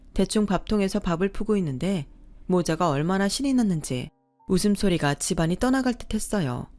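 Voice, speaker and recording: A woman's voice: on the low side, a little mellow. A woman narrating a first-person family story in a wry, sarcastic tone.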